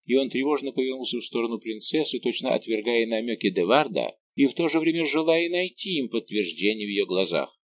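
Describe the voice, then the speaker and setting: A man reading an adventure novel as narration in a steady storytelling manner. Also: mid-range voice, fairly quick, few pauses, a little hiss or hum. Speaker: audiobook narrator. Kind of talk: scripted narration.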